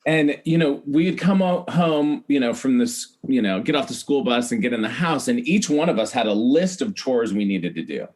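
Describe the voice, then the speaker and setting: A middle-aged American man from Iowa, a celebrity hair stylist appearing as a podcast guest, tells animated personal stories. His medium-pitched, darkish voice is expressive, moving at normal speed with few pauses. He's chatty and emphatic, repeating things for effect and acting out what people said.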